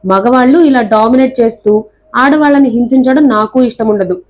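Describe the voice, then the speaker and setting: A brisk, clever young woman who switches between scolding and mock tears, voiced by a woman reading a novel aloud. Her voice sits a little high, with a soft, mellow tone. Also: lo-fi sound, natural voice. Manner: sharp, scolding, theatrical pleading.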